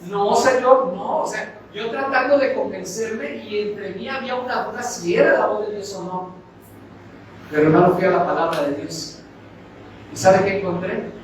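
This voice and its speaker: A man's voice: high voice, moderate pace. A middle-aged Mexican man preaching a sermon as pastor, speaking straight to his congregation, calling them brother and asking them rhetorical questions. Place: church hall. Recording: echoey church hall heard from a distance with background noise.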